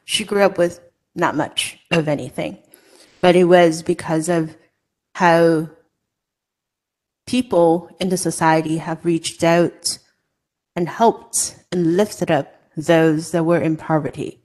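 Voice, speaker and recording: A woman's voice: on the low side, steady tone, takes it slowly, a little mellow. A woman from Hong Kong, a co-author sharing a personal story in an earnest, conversational way. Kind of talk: casual conversation.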